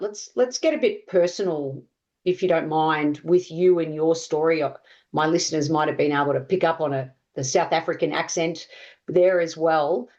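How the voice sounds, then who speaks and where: A woman's voice: sits low, a little mellow, highs cut off. A woman hosting a coaching podcast, asking long, enthusiastic questions of her guest. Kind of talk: interview questions.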